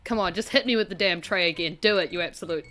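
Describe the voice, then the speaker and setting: A woman's voice: lowish voice, fast, a bit bright, faint music behind. A woman with a broad rural New Zealand accent giving casual gameplay commentary in a rambling, sweary, self-deprecating way. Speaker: gaming video host.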